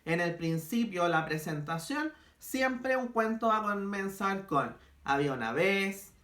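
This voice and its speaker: A man teaching a language class to young pupils, spelling out examples slowly for children. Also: sits high, expressive, fairly bright tone. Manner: slow, stretched-out examples for children. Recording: echoey room.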